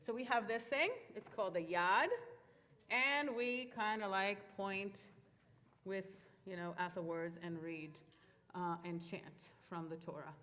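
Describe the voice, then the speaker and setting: In an echoey synagogue sanctuary, an Israeli woman who speaks Hebrew talks to a youth group, chatty and informal with plenty of fillers. Her medium-pitched voice is a bit bright and a little slow.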